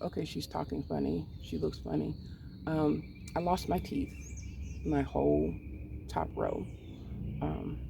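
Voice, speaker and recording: Woman, 40s, dark gravelly voice, slow and hesitant, recorded outdoors on a distant mic. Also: low voice, slight background noise. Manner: hesitant, with many pauses and ums. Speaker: vlogger. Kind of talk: candid personal talk. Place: outdoors in a garden. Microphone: poor mic set away from the speaker.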